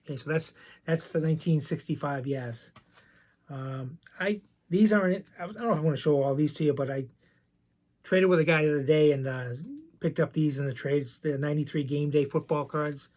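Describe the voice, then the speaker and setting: This vintage card collector and channel host talks a little fast, his slightly high, gravelly voice roughened by medication. Easygoing and chatty, he shows off baseball cards casually and keeps drifting into side stories.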